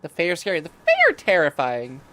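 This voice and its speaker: A woman's voice: on the low side, huge pitch swings, fairly quick, fairly bright tone. A woman VTuber giving casual, playful and crude commentary on a game livestream, with theatrical asides. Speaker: VTuber streamer.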